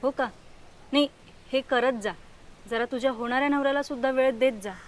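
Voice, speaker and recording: A snide young woman, played by a woman, with a high voice. She needles with teasing remarks. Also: fairly even intonation, a little fast, close to an everyday voice.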